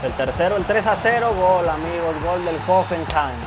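Excitable high-voiced Mexican young man. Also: moderate pace. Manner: excitable, swears often, yells at goals. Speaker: gaming youtuber. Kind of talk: casual video game commentary. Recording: loud music behind the voice.

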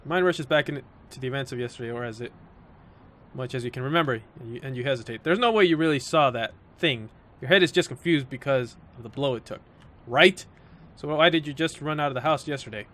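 Bright-voiced man playing a horror game. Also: medium pitch, fast. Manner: swears and jokes at jump scares. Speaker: let's play gamer. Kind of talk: gameplay commentary and reading game text.

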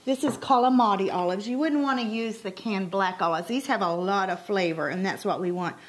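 A woman's voice: mid-range voice, brisk. Chatty woman co-hosting a home cooking vlog. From Oklahoma. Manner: chatty and explanatory. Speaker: cooking channel co-host. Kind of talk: casual cooking chat.

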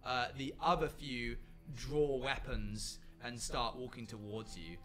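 A man running a tabletop game as game master, narrating scenes in a loose, halting way. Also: mid-range voice, a bit bright, soft background music.

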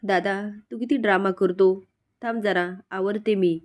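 A sulky, sharp-tongued young sister, as a woman narrator puts her on. Her snappy, exasperated lines stay in the narrator's own middle register. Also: mid-range voice, fairly even intonation, measured pace, lightly acted.

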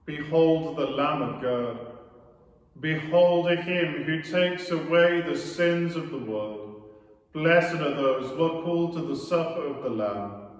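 A man leading liturgical prayers as a priest in a large church, reciting in a measured, solemn way, his voice carried by a cathedral echo. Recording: booming echo and long church reverb.

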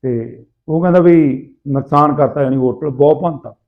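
A man with a Malwai Punjabi accent casually telling anecdotes in rough, earthy, animated banter, acting out people's dialogue. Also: a little high, moderate pace. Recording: tinny, phone-like narrow sound.

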